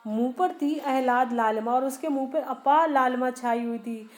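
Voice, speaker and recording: A woman teacher with a high voice explains a poem to her students. She rephrases each line and often restarts it. She keeps asking what a word means and then answers the question herself. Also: moderate pace. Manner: repeats and rephrases lines with small restarts. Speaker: Hindi teacher.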